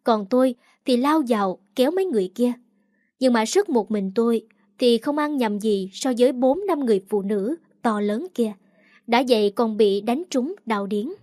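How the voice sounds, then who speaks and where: A woman narrating a first-person story in a steady, plain storytelling manner. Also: on the high side, normal speed, dry recording, clean studio sound.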